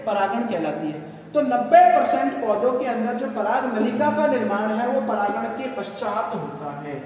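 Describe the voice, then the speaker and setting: High-pitched guy teaching biology, asks questions and answers them himself, sounds far off in a roomy hall. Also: animated, normal speed, a little mellow, a little hiss or hum. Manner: asks and answers his own questions, repeats key terms; addresses students as "beta". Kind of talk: classroom lecture. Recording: echoey room, voice from far off.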